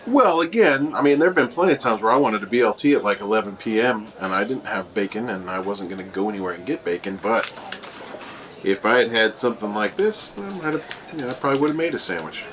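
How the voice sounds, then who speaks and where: A man's voice: fairly low pitch, lively intonation, quick pace, fairly bright tone. A man giving a casual taste-test review as host, rambling and thinking aloud. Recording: clearly noisy room ambience.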